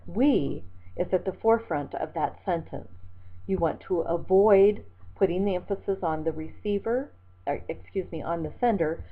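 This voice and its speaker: A woman instructor giving a recorded lecture over slides, in a measured, methodical way, reading out word lists. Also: fairly low pitch. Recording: tinny phone-like lecture recording.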